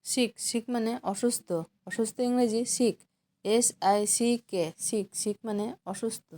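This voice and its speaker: A woman teaching English vocabulary as a slow drill, repeating each word, spelling it letter by letter and giving its meaning. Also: fairly high pitch, fairly even intonation, warm tone.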